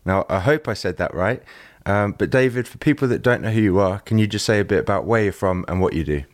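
A man's voice: fairly low pitch, fast, no echo, clean studio sound. A man hosting a podcast, introducing and questioning his guest in a friendly, conversational way. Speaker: podcast host.

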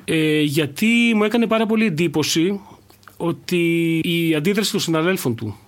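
A young man, a stand-up comedian, chatting casually in an interview and thinking aloud with many fillers and restarts. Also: a little high.

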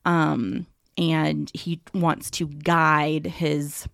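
A woman's voice: low voice, level tone, very slow, gravelly, a bit bright, no room sound, studio quality. A woman co-hosting a podcast in casual chat, talkative, with many fillers. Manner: chatty, filler-heavy, laughs easily. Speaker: podcast co-host.

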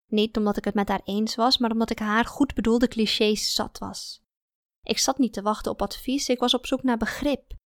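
A woman's voice: fairly high pitch, steady tone, normal speed, no room sound, clean studio sound. A woman reading a first-person story aloud in a confiding, introspective manner. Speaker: audiobook narrator. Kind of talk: first-person scripted narration.

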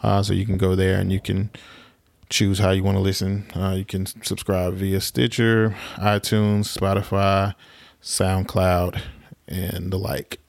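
Gravelly low-voiced man. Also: level tone, unhurried, no room sound. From Alabama. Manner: teasing, dry banter. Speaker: podcast host. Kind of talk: casual podcast chat.

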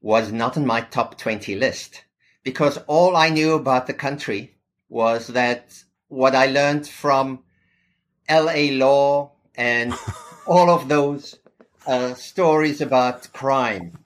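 A man's voice: mid-range voice, slow. A man in his fifties from South Africa with a South African accent, answering interview questions modestly, with occasional hesitations. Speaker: podcast guest.

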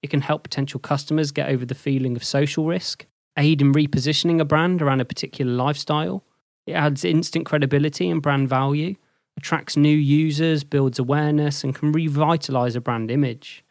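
A man narrating a scripted lesson as host, in a measured, even way. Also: fairly high pitch, no room sound, clean studio sound. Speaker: host and lecturer.

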